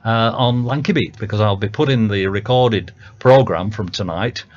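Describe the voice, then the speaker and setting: A Northern English songwriter with a fairly low voice chats about his song as a guest on a radio show, speaking at a moderate pace. He's hesitant, full of ums and restarts, and the audio has a dull, lo-fi radio quality.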